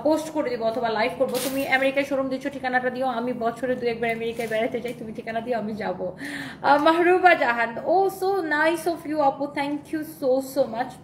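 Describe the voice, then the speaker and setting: High-voiced woman selling dresses live. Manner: reads viewer comments, thanks them, shows dresses; mixes English phrases into speech. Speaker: online clothing seller. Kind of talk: live sales stream. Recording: echoey room with faint noise.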